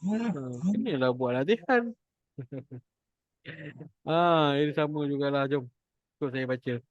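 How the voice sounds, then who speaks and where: A male Quran recitation teacher with a Malaysian Malay accent, speaking at an unhurried, deliberate pace in a fairly high voice. He demonstrates each sound again and again for his class. The audio is dry and somewhat dull, like a lo-fi call. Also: dry recording. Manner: demonstrates pronunciation slowly and repeatedly. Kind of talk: online class instruction.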